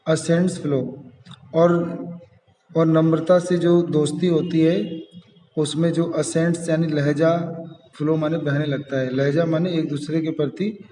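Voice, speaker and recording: A man teaches a poem line by line, drawing out each English line slowly before he explains it. His voice is fairly high but dark in tone, and he sounds far from the mic in a room with a long echo. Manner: reads English lines very slowly, then explains them.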